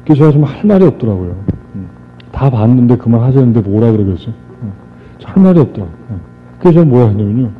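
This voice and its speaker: A middle-aged man giving an animated storytelling speech to a live audience, joking with the crowd and acting out conversations. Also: mid-range voice, fast talker, a little hiss or hum. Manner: animated, re-enacts dialogue and jokes with the crowd. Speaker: motivational speaker. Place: stage before a live audience. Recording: tinny lo-fi archive recording with faint music.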